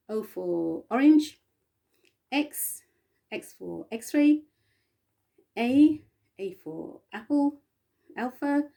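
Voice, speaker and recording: An English woman speaking in a slow, meandering spiritual monologue, often spelling out letters and pausing with little laughs. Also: medium pitch, vocal fry, dark tone. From England.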